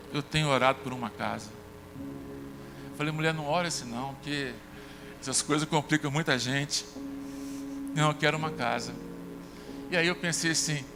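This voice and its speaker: A Brazilian man preaching a sermon as pastor, telling personal stories and acting out the dialogue with lively shifts of voice. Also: long reverb tail. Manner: conversational storytelling, acts out dialogue with shifts in pitch. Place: church sanctuary.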